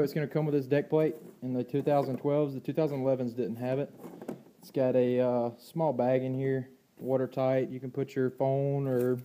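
A man with a warm, medium-pitched voice rambles plainly through his kayak gear in a garage or storage room, full of fillers and restarts. It's a casual walkthrough shot on a handheld phone camera, with slight background noise.

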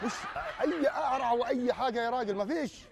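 A man's voice: very high voice, quick pace, over a noisy crowd. A man hosting a hidden-camera prank show outdoors, pushy and laughing, repeating himself as he brushes someone off.

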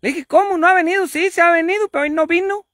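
A woman's voice: very high voice, quick pace, a bit bright, no echo, studio quality. A woman vlogger, teasing and swearing in casual chat.

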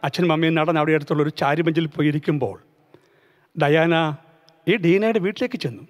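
A male pastor narrating a children's church story dramatically, slowing down at key moments. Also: on the high side. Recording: reverberant hall.

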